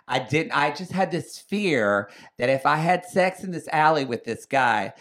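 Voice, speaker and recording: Animated male podcast guest telling stories. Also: fairly high pitch, unhurried. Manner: animated, acts out voices in his stories. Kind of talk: casual storytelling.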